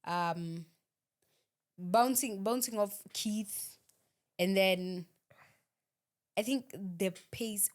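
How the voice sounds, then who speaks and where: A woman's voice: on the low side, darkish tone. A woman with a Kenyan accent co-hosting a football podcast in casual sports chat, switching between English and Swahili.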